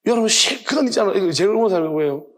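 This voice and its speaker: A man's voice: high-pitched, expressive, racing. A male pastor with a Gyeongsang accent preaching a sermon, firing off rhetorical questions with emphasis.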